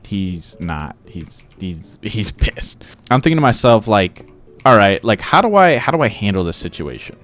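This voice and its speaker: A man's voice: lowish voice, lively intonation, unhurried, fairly bright tone. A young man telling a long, rambling story about work in a casual way while playing a game, full of filler words. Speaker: gaming vlogger.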